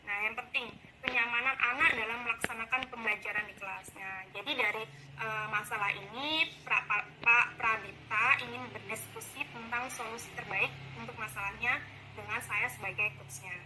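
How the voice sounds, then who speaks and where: A woman's voice: a little high, fairly even intonation, normal speed, noisy background. A woman acting as coach in a coaching role-play, speaking politely and encouragingly, with frequent affirmations. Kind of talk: role-played coaching session.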